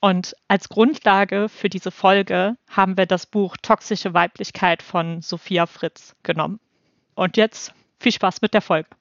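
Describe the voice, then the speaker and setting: Measured woman podcast co-host, dull sound. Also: mid-range voice, fairly even intonation, no room sound. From North Rhine-Westphalia, Germany. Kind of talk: scripted podcast discussion.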